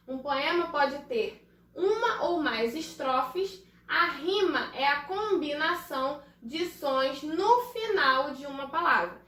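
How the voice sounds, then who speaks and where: A woman's voice: high-pitched, a bit bright, roomy sound, far from the mic. A Brazilian woman teaching first graders, patiently spelling out syllables in a recorded remote lesson. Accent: Brazilian Portuguese. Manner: slow, patient, spelling out syllables for small children.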